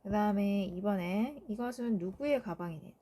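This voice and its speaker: A woman's voice: mid-range voice, warm tone. A woman teacher going through English grammar exercises in a lecture, checking understanding with short tag questions. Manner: slow, explanatory, checks with "그쵸?". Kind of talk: lecture explaining grammar answers.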